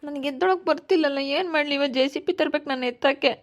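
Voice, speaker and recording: A woman's voice: high-pitched, quick pace, lightly acted. A woman voicing a fallen man who whines that he cannot get up, with a Hiriyur Kannada accent. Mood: whining. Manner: whiny, pleading, sly teasing. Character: Sundara, a fallen man playing helpless.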